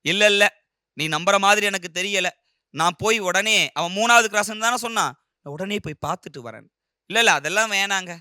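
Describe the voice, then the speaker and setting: Casting: man voicing a stern, scolding husband, high and bright, crisp and dry. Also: a little fast, dry recording. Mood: insistent. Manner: scolding, insistent. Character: stern middle-aged husband, suspicious and lecturing.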